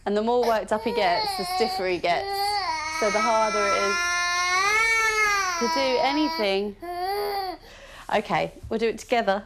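A woman's voice: fairly high pitch, lively intonation, moderate pace, pauses often. Mother at home, candid, sing-song with the kids, sometimes tearful; noisy room audio behind her. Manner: sing-song baby talk, at times tearful. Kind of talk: candid documentary talk at home. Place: family home. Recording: noisy handheld documentary audio.

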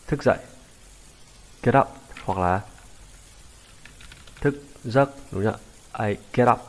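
A man teaching beginners an English grammar lesson, patiently repeating each English phrase slowly for learners, a native Vietnamese speaker. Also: medium pitch.

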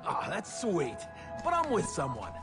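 High-voiced taunting assassin, loud music. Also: male voice, wildly swooping pitch, measured pace, heavily acted. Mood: mocking. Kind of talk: video game voice acting.

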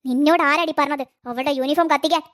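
A woman's voice: sits high, fairly even intonation, fast talker, fairly bright tone. Woman voicing a grumbling cartoon grandmother. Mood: scolding. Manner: complaining, scolding.

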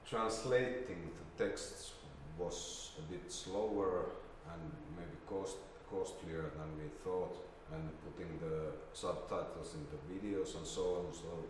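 Presenting at a project seminar, this slow, middle-aged man speaks in a low voice with fairly even intonation, his delivery halting and hesitant. It's an informal talk with slides, recorded in an indoor seminar room with a projector screen on a distant camera microphone, which leaves the sound roomy, echoey and faintly noisy.

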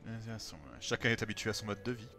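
A man's voice: on the low side, flat delivery, quick pace, bright, forceful tone. A man doing a let's play, reading game dialogue choices aloud. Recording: game music behind the voice.

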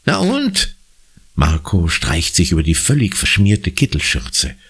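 A man narrating a children's audiobook with expressive storytelling. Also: deep voice, normal speed, breathy edge. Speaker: audiobook reader.

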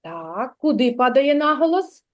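A woman's voice: high voice, big pitch swings. A woman teaching a preschool literacy lesson, speaking in a patient, sing-song way and drawing words out for a child. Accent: Ukrainian. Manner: drawn-out, sing-song word modelling for a child. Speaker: kindergarten teacher.

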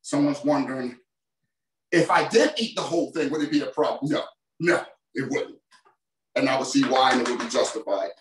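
A mid-range male voice at a moderate pace, with long pauses, belongs to a chef in his forties giving a casual, enthusiastic cooking demo in a home kitchen and addressing viewers directly. A distant camera mic picks him up, so the kitchen sounds roomy.

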